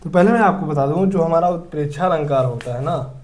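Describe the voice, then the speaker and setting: A male teacher explaining a grammar lesson, repeating key words slowly and asking the class questions. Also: a little high, darkish tone. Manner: repetitive, drills words slowly.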